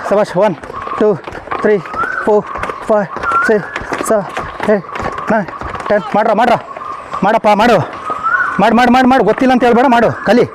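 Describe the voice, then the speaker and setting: Guy coaching kids boxing outside, high voice, counts reps and yells orders, noisy background. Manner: barks commands and counts reps; scolds and praises kids bluntly. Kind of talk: live training class. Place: outdoor training ground. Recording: noisy outdoor recording.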